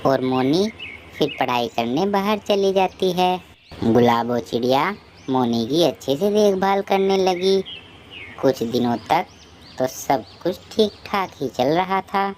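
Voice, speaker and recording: Brief: calm female narrator for a kids' cartoon, deep for a woman, faint background noise. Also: slow. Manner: calm and even storytelling.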